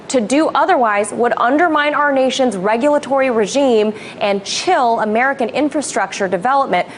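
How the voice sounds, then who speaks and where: A woman news reporter reading a scripted report in a steady, measured way. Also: on the high side, a little hiss or hum.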